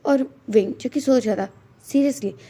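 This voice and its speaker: A woman's voice: high-pitched, a little fast, mellow. A woman narrating a fan-fiction story in a chatty, casual way full of fillers. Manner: chatty, loose filler-heavy retelling. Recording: dull lo-fi dry recording.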